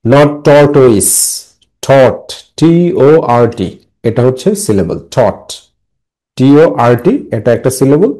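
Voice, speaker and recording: Slow, mellow-voiced male teacher. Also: mid-range voice, expressive, rough recording. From Bangladesh. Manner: slow, patient, repeating phrases and translating. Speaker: English teacher. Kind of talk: line-by-line Bengali-English lesson.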